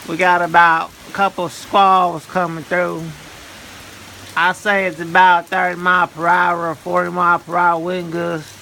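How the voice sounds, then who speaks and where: A man's voice: high voice, flat delivery, normal speed, creaky, bright, forceful tone, rough recording. A man giving a folksy, easygoing video update outdoors in rain and wind. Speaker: amateur storm vlogger. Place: outdoors in a storm.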